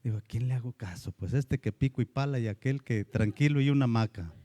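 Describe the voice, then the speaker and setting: A man with a Mexican Spanish accent, a pastor preaching a lively sermon and acting out the voices of churchgoers. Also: mid-range voice, a little fast, dry recording.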